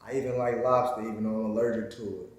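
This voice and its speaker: A man's voice: lowish voice, fairly even intonation, fast talker, recorded from a distance. A man co-hosting a couple's vlog, talking in a laid-back, slangy way. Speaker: vlog co-host. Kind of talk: casual chat. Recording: very echoey room.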